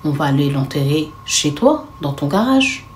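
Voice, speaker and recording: A woman voicing a cold, scheming eldest sister who lays out plans in a calm, hushed, matter-of-fact way. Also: sits low, normal speed, slight background noise, pitched below the performer's own voice.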